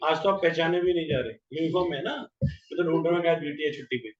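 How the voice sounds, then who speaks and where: High-voiced man teaching chemistry to a class. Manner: questions students by name, drills terms slowly. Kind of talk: classroom lecture. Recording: roomy, distant, dull lo-fi classroom audio.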